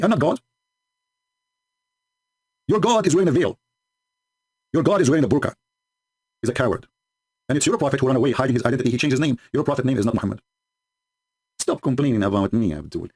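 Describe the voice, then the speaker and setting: A man's voice: medium pitch, darkish tone. A man whose first language is not English, hosting a livestream and mocking his opponents sarcastically, with frequent laughs and broken English. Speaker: host.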